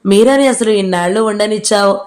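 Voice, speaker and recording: A woman's voice: mid-range voice, a little fast, a little mellow, natural voice. A woman reading an outspoken young sister.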